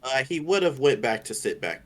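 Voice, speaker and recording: A man's voice: mid-range voice, sing-song, moderate pace, a little hiss or hum. A man playing a tabletop game, casually narrating what his character does.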